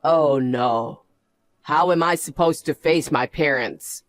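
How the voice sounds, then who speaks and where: Guy playing whiny cowardly husband in a story drama, begging, kinda high voice, slow. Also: fairly bright tone, no echo. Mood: dismayed. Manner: pleading, whiny. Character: cowardly cheating husband, whining and pleading.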